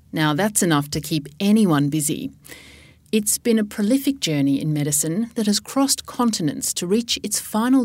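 A woman's voice: lowish voice, a little mellow, no room sound. Woman hosting a podcast, dry sound. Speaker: podcast host. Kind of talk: scripted podcast introduction.

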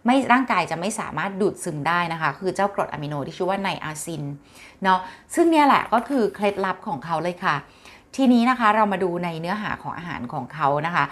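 A woman with a lowish, slightly bright voice talks fast and with animation. She hosts a casual health talk, chatting with viewers in a friendly, explanatory way and calling herself by her nickname.

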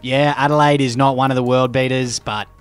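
An Australian man anchoring a mock news bulletin, straight-faced and deadpan. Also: medium pitch, fairly quick, clean tone, faint music behind. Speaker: news anchor of satirical show.

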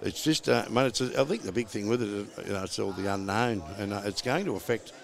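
A man's voice: on the low side, fast, gravelly. A man with an Australian accent hosting a casual podcast chat in a laconic, drawling country manner. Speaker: podcast host.

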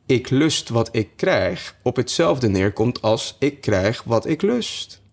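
A man voicing a meek, slow-spoken hare in an audiobook. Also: mid-range voice, very animated, exaggerated voice. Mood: drawling. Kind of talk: audiobook character voice.

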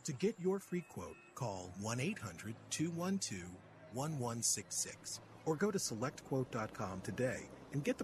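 A man playing a persuasive, helpful insurance pitchman in a commercial, with an upbeat, salesy delivery. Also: background noise.

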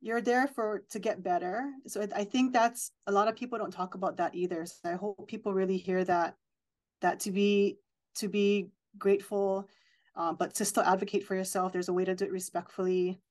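A woman's voice: mid-range voice, steady tone, normal speed. A woman hosting an interview, speaking in an earnest, reflective and supportive way. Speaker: host. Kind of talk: radio-style interview talk.

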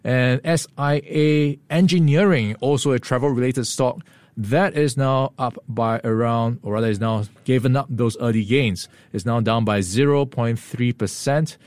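A man co-hosting a radio market report, brisk and lightly playful, a little hoarse. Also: medium pitch, a little mellow, dry recording. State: slightly hoarse. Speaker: market news co-host. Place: radio studio. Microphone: studio microphone.

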